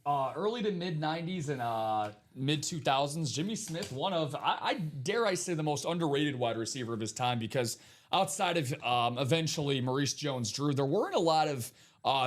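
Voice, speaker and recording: A young man in his twenties co-hosts a live card-break stream, rambling through football talk with plenty of uh's and you-knows. His voice sits a touch higher than most men's. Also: a little fast. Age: 20s. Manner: chatty sports talk, many fillers. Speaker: co-host of a live sports card break show. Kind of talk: live stream sports chat.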